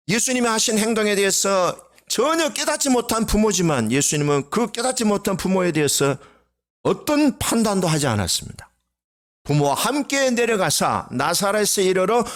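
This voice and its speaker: A man preaching a Sunday sermon as pastor, asking the congregation rhetorical questions and swinging between loud exclamations and soft low asides. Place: church sanctuary.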